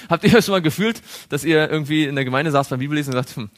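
A man's voice: a little high, rapid-fire. Man leading a chatty Bible study. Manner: asks the group questions, chuckles, drawing on a board. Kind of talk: interactive Bible study lesson.

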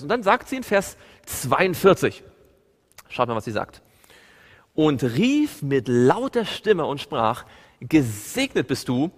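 German-speaking preacher man in a reverberant hall. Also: medium pitch. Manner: asks the audience questions, animated storytelling. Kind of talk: Bible study sermon.

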